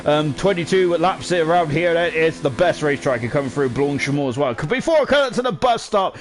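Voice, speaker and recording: Male streamer, slightly high voice, chatty self-mocking race commentary packed with fillers. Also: expressive, fairly quick. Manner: rambling, self-deprecating, lots of fillers. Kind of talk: live sim racing stream commentary.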